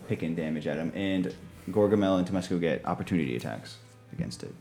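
A man with a very low-pitched voice runs a tabletop game as dungeon master. He talks casually as he narrates combat and rules, with music clearly playing behind him. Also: expressive, quick pace, dark tone.

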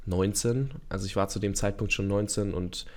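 A man's voice: lowish voice, fairly even intonation, moderate pace. A young man, a podcast guest, talking eagerly and earnestly in long run-on thoughts with frequent fillers. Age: young adult. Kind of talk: casual interview talk.

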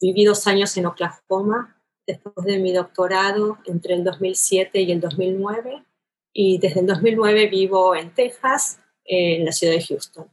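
Interviewed about literature, a porteño woman from Buenos Aires answers in a steady, mid-range voice at a measured pace. She's elaborate and reflective, frequently restarting and ending phrases with "¿no?", and the recording is low quality.

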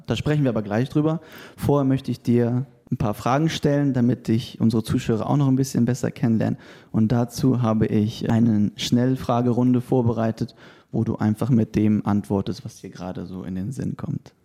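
A man's voice: mid-range voice, moderate pace, warm tone. A man hosting a casual interview, asking questions and telling stories in a conversational way. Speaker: interviewer, personal trainer.

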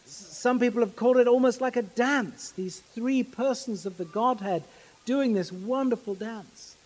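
A man preaching a sermon in a measured, earnest way, pausing to stress his words. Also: extremely high pitch, big-room sound, rough recording. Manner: measured, earnest, with slow emphatic pauses.

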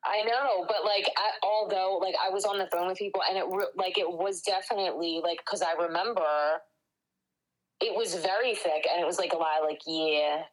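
A woman's voice: lowish voice, fairly even intonation, fairly quick, rough recording. A woman with a reduced Delaware County accent chatting casually, blunt and swearing freely. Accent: Delaware County, Pennsylvania, reduced. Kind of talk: casual chat.

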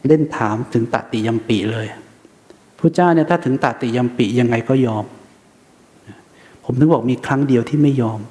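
A man's voice: mid-range voice, normal speed, pauses often, darkish tone, long reverb tail. A man teaching a Buddhist dharma talk in a conversational manner, asking rhetorical questions and acting out the voices he quotes.

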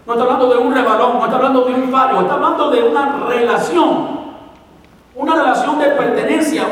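Male pastor, sermon delivery, very high voice, repeats for emphasis, distant mic in a reverberant hall. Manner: explains points and repeats them for emphasis. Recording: echoey hall, voice from far off.

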